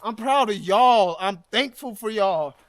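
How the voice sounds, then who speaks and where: A man's voice: high voice, expressive, a little slow, no room sound. A man from Alabama, vlogging a solo hike outdoors in the snowy mountains, emotional and thankful as he talks to his viewers. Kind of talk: solo hiking vlog.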